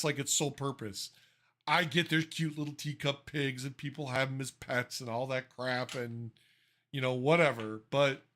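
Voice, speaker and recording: A man's voice: mid-range voice, pushed and bright. A man co-hosting a casual podcast, ranting and swearing in exasperation, often restarting his sentences. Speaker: podcast co-host.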